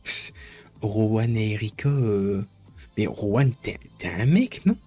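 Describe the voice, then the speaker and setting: A man's voice: lowish voice, expressive, slow, a little mellow, soft background music. A man chatting casually with his live-stream viewers, rambling and joking as he teases the chat.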